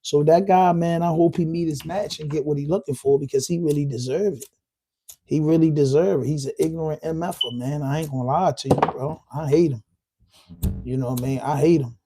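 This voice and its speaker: A man hosts his own livestream podcast, riffing loosely to the chat. His voice sits a bit high for a man and has a dark, mellow tone. He talks in a heated, emphatic way, circling back to repeat his points. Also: steady tone, a little fast, faint music behind. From Baltimore. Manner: heated, repetitive, emphatic street talk. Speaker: podcast host. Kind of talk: live-stream commentary.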